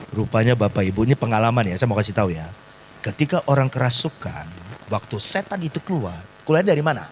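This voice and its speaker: A man preaching at a church service, his pitch leaping all over as he drops to quiet asides and then builds to shouted peaks. He throws in English phrases and keeps checking for agreement from the congregation. Faint noise sits behind the voice. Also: fast talker. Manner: lively preaching that swings between quiet asides and shouted climaxes. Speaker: pastor. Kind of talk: sermon.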